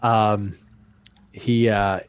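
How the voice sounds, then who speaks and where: A man narrating as game master, unhurried and full of fillers. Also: fairly low pitch, flat delivery, crowd noise.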